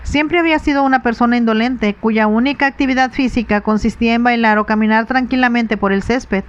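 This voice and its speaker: A woman reading a novel aloud in soft, measured whispered role-play narration. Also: fairly high pitch, fairly even intonation, dull audio. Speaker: audiobook reader.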